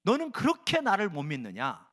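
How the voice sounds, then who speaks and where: God speaks as a stern father reproaching his people, as a male preacher puts him on mid-sermon. The questions come pointed and insistent, in a high voice with wide, lively swings of pitch. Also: normal speed, exaggerated voice. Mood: reproachful.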